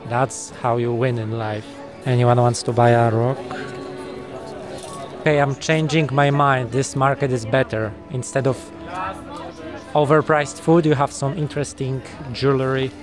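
A man's voice: medium pitch, fairly even intonation, unhurried. Chatty man vlogging outdoors, music behind. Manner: chatty, joking, easily impressed. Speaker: travel vlogger. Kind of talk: casual vlog commentary. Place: outdoors in a city market and old town. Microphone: small handheld camera mic.

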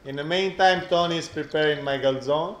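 A man with an Italian accent hosting a casual live cooking commentary, halting and often repeating his phrases. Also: on the high side. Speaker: cooking class host. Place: indoor professional kitchen. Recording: echoey kitchen with clear background noise.

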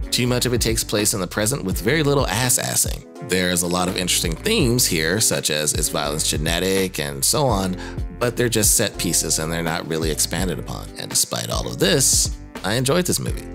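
With a deep voice that swings widely in pitch, a man hosts a scripted video commentary at a normal speed. Background music sits beneath his wry narration, which is casual and dotted with jokes.

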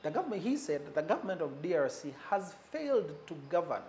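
A man giving unscripted commentary on politics, measured and pausing often, leaning hard on key words. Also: on the high side, sing-song, a little mellow, slight background noise. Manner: stresses key words for emphasis.

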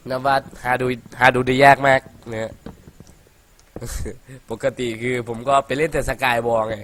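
A man's voice: mid-range voice, flat delivery, slow pace, fairly bright tone, a little hiss or hum. A young man from Thailand giving casual, profane let's-play commentary, chattering and laughing as he plays. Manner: rowdy and profane, laughs a lot, playful chatter. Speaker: gaming commentator.

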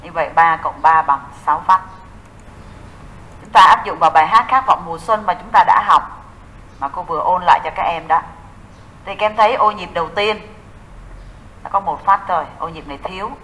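A woman's voice: lowish voice, brisk, pauses often, sharp tone, rough recording. A woman teaching a recorded music theory lesson, explaining step by step and answering her own questions to the class.

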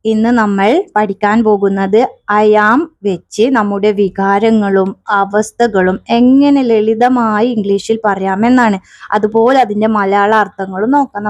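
A woman's voice: mid-range voice, darkish tone, no echo. A woman with a Malayali accent teaching beginner spoken English, saying each phrase twice in a cheerful, teacherly way.

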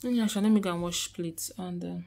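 A young Nigerian woman, a stay-at-home mom, chatting to her phone camera at home. She sighs, murmurs when tired and gets loud when excited. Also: fast talker, vocal fry, a little hiss or hum. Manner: chatty, sighing, switches between low tired murmurs and loud excited outbursts. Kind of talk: casual talking-to-camera vlog. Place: home kitchen and rooms, indoors. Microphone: phone camera held close.

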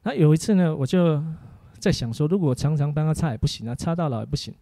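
A man, a preacher giving a teaching sermon for an online course, full of animated stories about his family. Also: fairly high pitch, fast talker, gravelly, no echo.

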